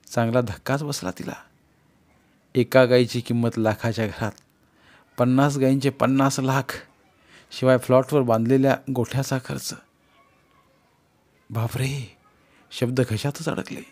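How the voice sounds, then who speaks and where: Guy reading a story out loud, steady and expressive, mid pitch. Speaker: audiobook narrator.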